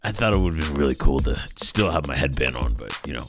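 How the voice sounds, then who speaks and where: Low-voiced man joking at a game table. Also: sing-song, fast talker, over music. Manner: laughing, swearing, joking. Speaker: player. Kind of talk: casual tabletop play.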